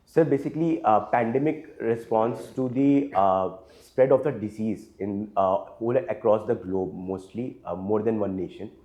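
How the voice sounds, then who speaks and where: A man's voice: lowish voice, normal speed, few pauses, warm tone. Hesitant Indian English-speaking young man. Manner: hesitant, frequent fillers, deferential, adds "sir" often. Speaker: interview candidate. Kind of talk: formal mock interview answers.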